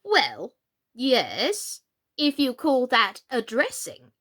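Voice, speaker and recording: A woman's voice: a little high, wildly swooping pitch, extremely slow, fairly bright tone, pitched above the performer's own voice, heavily acted. A woman voicing a flustered, helpless, melancholy storybook queen who groans, sighs and speaks emphatically. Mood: huffy. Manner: groaning, sighing, dotty, emphatic delivery.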